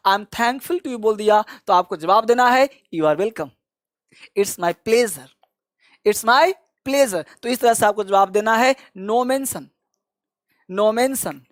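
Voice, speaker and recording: High-voiced man drilling English phrases. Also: no room sound, clean studio sound. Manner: drills phrases slowly and repeats them for learners; addresses viewers as friend and child. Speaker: spoken English teacher. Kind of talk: classroom-style language lesson.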